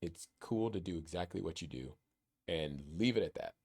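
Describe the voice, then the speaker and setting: A man's voice: low-pitched, expressive, moderate pace, creaky, a little mellow, husky. A man in his thirties co-hosting a gaming podcast, chatting casually and enthusiastically with lots of fillers. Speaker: podcast co-host. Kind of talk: casual chat.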